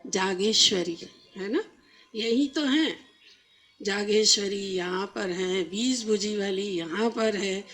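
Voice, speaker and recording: A woman spiritual teacher giving a talk to a live audience, often putting rhetorical questions to them. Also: medium pitch. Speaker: Brahma Kumaris spiritual teacher.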